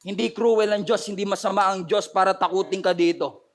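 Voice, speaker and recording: Hoarse high-voiced man preaching a sermon. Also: fairly even intonation, a little fast. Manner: switches between Tagalog and English, building to emphatic outbursts; preaches to an online audience. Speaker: pastor. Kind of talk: impassioned sermon.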